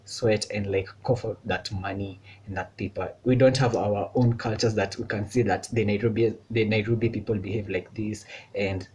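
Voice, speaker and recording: A man's voice: fairly low pitch, fairly even intonation, moderate pace, few pauses, darkish tone, a little hiss or hum. Chatty young Kenyan man vlogging. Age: young adult. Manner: loose and chatty, heavy with filler words. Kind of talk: casual chat.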